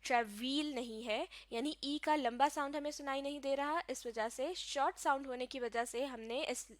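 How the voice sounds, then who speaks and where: A woman's voice: high voice, moderate pace, no room sound. A woman teaching English grammar in a recorded lecture, explaining patiently step by step and spelling words out letter by letter. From Pakistan.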